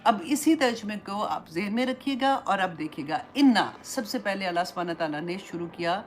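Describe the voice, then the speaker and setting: A woman's voice: medium pitch, lively intonation, a little hiss or hum. A woman Islamic teacher giving a Quran commentary lesson, telling stories and slipping English phrases into her Urdu.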